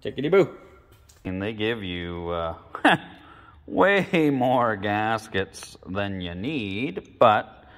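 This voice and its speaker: With big pitch swings and drawn-out words, a man on the low side of the range narrates a carburetor rebuild at his workbench. His tone is a bit bright, the room sounds big, and he thinks aloud in relaxed, folksy slang.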